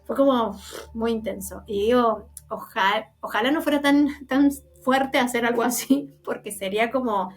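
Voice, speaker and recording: A woman's voice: fairly high pitch, moderate pace. An Argentine woman, a guest medium in a casual interview, telling stories animatedly and acting out the voices of the people she quotes, laughing now and then. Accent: Argentine Spanish.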